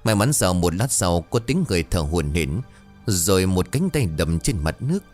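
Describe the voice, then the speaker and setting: A man reading a scripted horror story as narrator, expressive and voicing many characters. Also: sits low, moderate pace, faint music behind.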